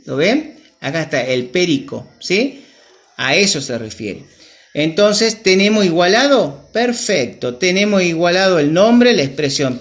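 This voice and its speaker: Animated man teaching chemistry. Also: on the high side. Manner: patient, checks with students, repeats key terms. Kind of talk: classroom lesson at a whiteboard.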